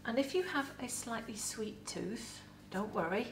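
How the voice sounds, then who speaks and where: A middle-aged woman with an English accent, a museum educator in costume, giving a lively, chatty talk to camera about food with props in an indoor set. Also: on the high side, unhurried, slight background noise. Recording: roomy echo, voice from a distance.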